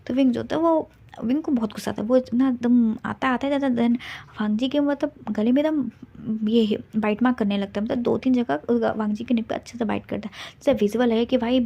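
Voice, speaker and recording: A woman's voice: on the high side, brisk, creaky, mellow, highs cut off. A woman casually retelling a fan fiction story in a chatty way, with many restarts.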